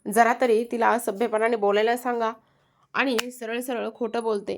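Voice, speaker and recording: A woman narrator voicing a stern male police inspector who questions briskly and demands answers. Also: a little high, level tone, slight background noise, lightly acted.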